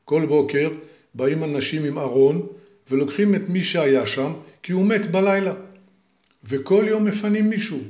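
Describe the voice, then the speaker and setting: A man voicing a worried innkeeper gravely warning a guest in a storybook tale. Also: on the high side, a little mellow, roomy sound, dull audio, close to an everyday voice. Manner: warns in grave tones.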